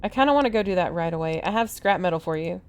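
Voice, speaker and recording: A woman's voice: fairly low pitch, animated, rapid-fire, darkish tone, clear, resonant tone. Playful woman doing casual gameplay commentary. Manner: playful, reacting aloud to characters. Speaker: gamer playing through a game. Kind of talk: casual gameplay commentary, reading dialogue choices aloud.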